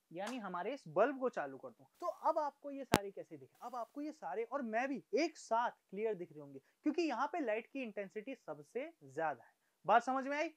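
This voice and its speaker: High-voiced man teaching a lively science lesson. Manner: asks the viewers questions and answers them himself; lively, coaxing, talks straight to the viewer. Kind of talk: classroom demonstration lesson. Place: room he darkens and lights for the demonstration.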